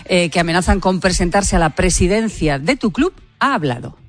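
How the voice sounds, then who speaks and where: A woman's voice: fairly low pitch, lively intonation, a little fast, soft background music. A woman giving a chatty, amused commentary segment on a radio show. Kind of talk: casual radio chat.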